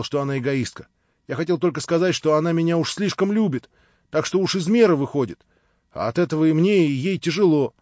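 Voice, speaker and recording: A man's voice: a little high, a little mellow, no echo, natural voice. A man voicing a naive young man who talks in a plaintive, rambling way, read from an audiobook. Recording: dry, slightly dull lo-fi audio.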